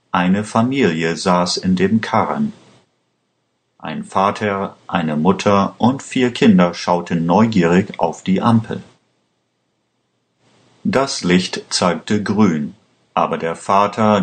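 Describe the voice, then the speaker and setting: A man narrating a story in a plain, deliberate reading style. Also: low voice. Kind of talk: slow audiobook narration.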